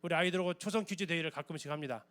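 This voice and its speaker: A man's voice: a little high, very fast, a bit bright. A man giving a church Bible lecture, explaining in a conversational way and often asking the audience questions.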